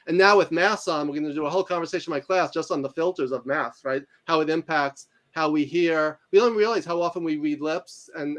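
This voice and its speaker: A man with a New York accent, a guest author and teacher, talking fast and explaining with examples in a casual interview. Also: on the high side.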